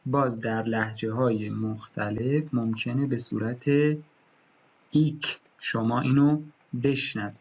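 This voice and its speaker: Man, language teacher, patient, repeats words slowly, dull sound, faint background hiss. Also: mid-range voice. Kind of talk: pronunciation lesson.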